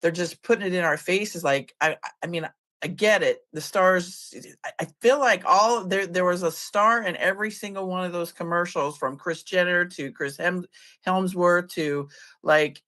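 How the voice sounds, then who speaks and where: A woman's voice: on the low side, normal speed, fairly bright tone. A woman hosting a talk show in a loose, chatty way. She fills her sentences with fillers and often restarts them as she talks. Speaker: host. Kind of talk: casual chat.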